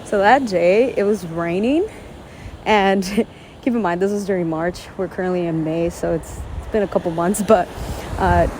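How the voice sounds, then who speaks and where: A woman with a lowish voice and a Spanish first language chats earnestly to camera at the beach, filling her talk with lots of fillers at a normal pace. Loud waves crash behind her in this outdoor recording, leaving slight background noise.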